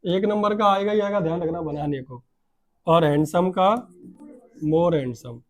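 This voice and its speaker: Man, teacher, high-pitched voice, grammar class, quizzes students, stretches out key words. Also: a little slow. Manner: asks students questions and answers himself.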